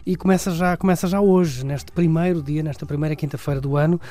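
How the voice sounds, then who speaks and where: A man's voice: fairly high pitch, fairly even intonation, fast talker, dark tone. A man with a European Portuguese accent giving a conversational, wordy film review, often repeating and rephrasing as he goes. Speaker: film critic.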